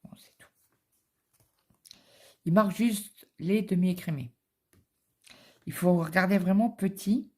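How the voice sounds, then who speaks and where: Woman, middle-aged, dark warm tone, rambling casual chat, home office. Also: lowish voice, slow pace, pauses often, slightly rough. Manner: rambling anecdotal storytelling with many fillers. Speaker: cross-stitch vlogger. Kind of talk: casual chat while stitching.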